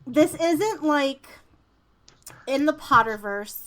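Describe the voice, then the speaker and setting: A woman's voice: high-pitched, expressive, slow pace, a bit bright. A woman co-hosting a podcast in casual chat, informal and emphatic, sometimes reading out news items. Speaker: podcast co-host.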